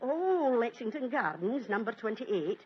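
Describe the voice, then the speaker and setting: A woman's voice: fairly high pitch, very animated, unhurried. An actress playing a kindly, deferential housekeeper in an old radio drama, homely and respectful in her way of talking. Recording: dull, noisy vintage radio recording.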